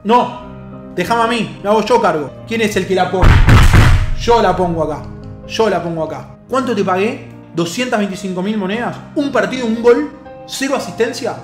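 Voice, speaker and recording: A man's voice: high-pitched, moderate pace, echoey room, music in the background. A young man with an Argentine accent commentating his own video game match, exasperated and repeating his complaints. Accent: Argentine Spanish. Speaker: gaming youtuber.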